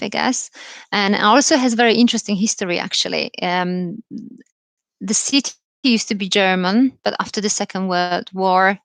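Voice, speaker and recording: A Polish woman in her thirties with a Polish accent and a smooth, medium-pitched voice gives an informal live talk as a career speaker. She's thoughtful, with many ums and restarts, and there's no echo.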